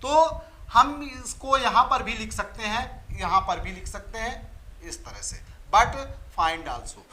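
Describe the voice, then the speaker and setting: A man with an Indian accent teaching English grammar, explaining slowly and repeating phrases as he writes them out. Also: sits high, lively intonation, pushed and bright. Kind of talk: slow classroom explanation.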